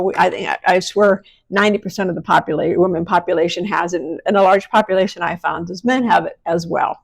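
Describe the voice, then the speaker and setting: A woman's voice: medium pitch, darkish tone. A middle-aged American woman with a slight speech impediment on her R and S sounds, the R leaning toward W, giving a frank, colloquial, self-deprecating motivational monologue. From small-town Pennsylvania, United States. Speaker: podcast host and women's empowerment coach.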